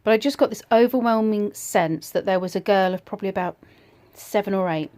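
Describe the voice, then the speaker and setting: A woman's voice: mid-range voice, brisk, dark tone. Woman telling a personal story, hesitant and reflective. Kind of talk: personal ghost story told casually.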